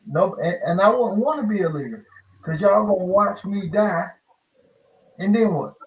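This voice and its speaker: A man's voice: sits high, moderate pace, poor audio. A man in a casual discussion, making his points emphatically and repeating himself as he works them out.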